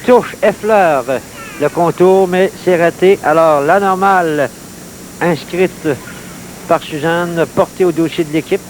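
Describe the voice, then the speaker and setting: A man with a Quebec French accent calling play-by-play in the manner of a golf commentator, in measured, clipped phrases that follow each shot. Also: on the high side, steady tone. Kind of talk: golf-commentator style play-by-play of a mini-putt match. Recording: noisy late-1980s TV sports recording.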